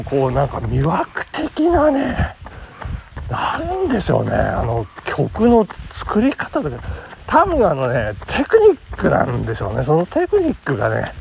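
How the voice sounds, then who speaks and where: A man's voice: mid-range voice, creaky, slight background noise. A man in his fifties hosting a casual solo talk show outdoors on a morning run. He speaks in a jokingly formal, chatty way. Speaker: podcast host.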